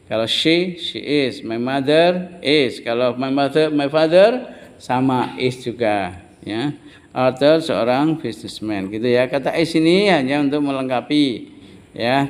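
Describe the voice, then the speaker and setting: A man teaches English in a classroom, at a middle pitch. He talks patiently and says example phrases slowly so his learners can repeat them. The room gives his voice a long, ringing reverb.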